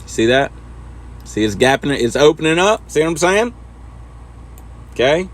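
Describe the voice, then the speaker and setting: A man with a rather high voice and big swings in pitch speaks at a measured pace while driving in a trucking simulator. Laid-back and talking to himself, he casually walks through how to back the rig in.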